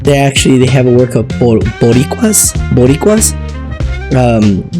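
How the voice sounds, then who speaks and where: A man's voice: medium pitch, sing-song, moderate pace. A man from Ecuador casually reviewing a TV episode, rambling and searching for words as he talks. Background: music playing.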